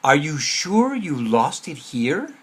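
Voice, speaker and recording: A kindly, helpful policeman , put on by a man telling a story asks his questions in a raised, friendly voice. His pitch rises high above the storyteller's own. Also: sing-song, slow pace, slightly rough, full character voice. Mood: questioning.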